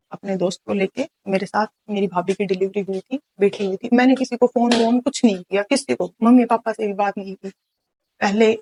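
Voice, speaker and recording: A woman's voice: mid-range voice, darkish tone, husky, rough recording. A young woman from Haryana, telling her life story as an interview guest, earnest and full of restarts. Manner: earnest, recounting events with many restarts and quoted dialogue.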